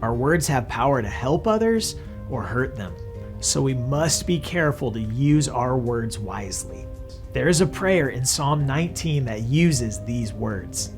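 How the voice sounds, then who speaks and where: A man's voice: mid-range voice, expressive, unhurried, music in the background. A man hosting a church kids' show, explaining a lesson to children in a friendly way. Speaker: host.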